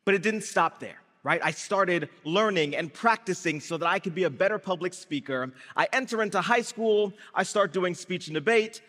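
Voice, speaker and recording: Before an audience in a large event hall, a young man who is a startup founder, Brazilian-born and raised in Guyana, delivers an energetic gala speech full of storytelling, comic timing and call and response with the crowd. His voice sits high, moving at a moderate pace with few pauses, carried through a PA into a reverberant hall.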